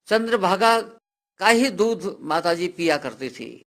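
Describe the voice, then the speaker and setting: A man narrates a devotional folk tale in an unhurried, deliberate way. His voice rests somewhat high for a man. He builds the drama steadily and lets it break into loud, cried-out lines. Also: animated. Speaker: storyteller.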